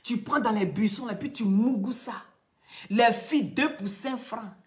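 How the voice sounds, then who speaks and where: A woman talking casually to her viewers, animated and scolding, going from loud outbursts to quiet pleading. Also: a little high, measured pace. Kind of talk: casual chat, addressing viewers.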